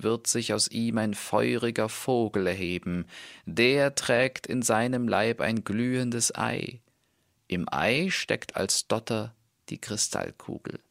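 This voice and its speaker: An enchanted princess from an old fairy tale explains her curse in a lifted, lamenting voice, read by a man. It stays unhurried and earnest, with a gravelly grain and a dry, close sound. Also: on the low side, fairly bright tone, no echo, full character voice.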